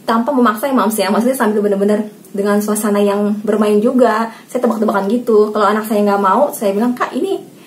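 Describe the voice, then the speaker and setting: A woman's voice: medium pitch, fairly even intonation, brisk, a little hiss or hum. A woman in her thirties, a parenting vlogger from Indonesia, chatting casually to camera, often addressing viewers as Mams and acting out how she talks to her child.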